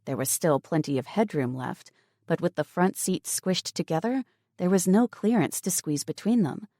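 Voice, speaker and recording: A woman narrating an audiobook novel in an even, measured storytelling manner. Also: fairly low pitch, no echo, studio quality. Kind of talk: scripted narration.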